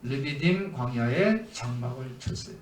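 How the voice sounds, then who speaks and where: A man's voice: mid-range voice, expressive, a little slow, roomy sound, distant mic, slight background noise. A man preaching a sermon as pastor, asking the congregation questions as he teaches. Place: church sanctuary.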